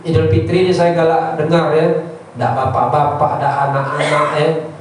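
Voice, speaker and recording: A man's voice: a little high, little pitch movement, moderate pace. Man teaching in an echoey prayer room. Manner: conversational, often adds "ya" and "ya tak". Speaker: religious teacher. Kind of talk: informal religious lesson. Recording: echoey room, distant mic, faint noise.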